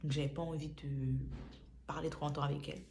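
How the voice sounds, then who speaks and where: A young woman from France with a notably low voice tells a story in loose, slangy talk. She acts out the dialogue as she goes. A faint hiss sits under her voice. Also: flat delivery, fast, gravelly, a little mellow. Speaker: vlogger. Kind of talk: casual storytime.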